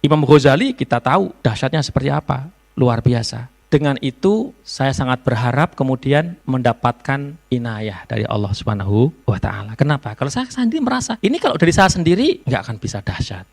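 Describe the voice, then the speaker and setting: A man gives a university lecture to students in a lively storytelling way, slipping into phrases. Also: medium pitch, fairly quick, vocal fry. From Indonesia. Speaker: novelist giving a guest lecture. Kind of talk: public lecture.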